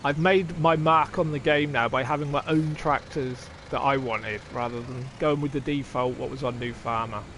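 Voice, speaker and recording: A man with a medium-pitched, slightly bright voice talks at a moderate pace with fairly even intonation and few pauses, over slight background noise. He's streaming a farming game, thinking aloud, chatting to viewers and swearing casually.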